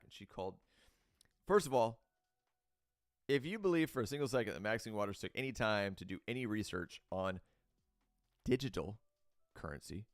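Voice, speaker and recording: A man's voice: lowish voice, no room sound, clean studio sound. A man hosting a show, reading crypto news aloud and breaking into blunt, opinionated rants, with loose fillers and restarts. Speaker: host.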